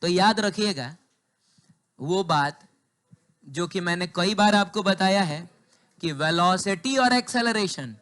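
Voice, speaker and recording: A man with a fairly high voice lectures a physics class. His throat is sore. He keeps quizzing the students, answers his own questions and teases them as he goes. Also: slow pace, pauses often, fairly bright tone, clean tone. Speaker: physics teacher.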